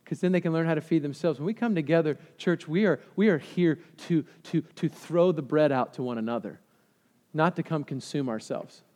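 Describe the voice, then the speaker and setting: A man's voice: on the high side, brisk, a little mellow, long reverb tail. A man in his thirties preaching a sermon with passion, throwing questions out to the congregation. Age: 30s.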